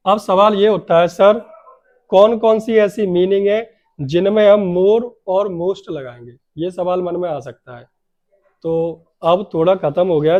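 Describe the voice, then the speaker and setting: A high-voiced male teacher leads a grammar lesson. He keeps putting questions to his class and then answering them himself, stretching out key words to stress them. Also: darkish tone, highs cut off.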